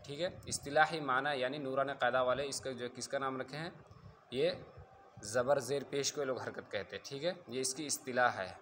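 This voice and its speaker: A man teaching a Quran reading lesson. He spells syllables slowly and loudly, checking again and again that viewers follow. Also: medium pitch, slight background noise. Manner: drills letters slowly and loudly, repeats "theek hai?" to check understanding.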